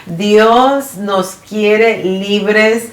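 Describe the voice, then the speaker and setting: A woman's voice: mid-range voice, extremely slow. Echoey woman in a casual faith chat. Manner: often tags phrases with a questioning "¿verdad?". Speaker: podcast co-host. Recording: echoey room.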